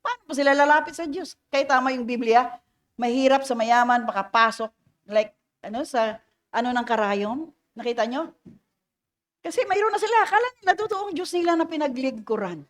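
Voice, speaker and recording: A woman's voice: high voice, moderate pace. A middle-aged woman pastor with a Filipino accent, preaching a Sunday sermon in a playful, teasing way and often quizzing her congregation. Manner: mixes English phrases into Filipino preaching, asks the congregation questions; playful teasing, laughs between points.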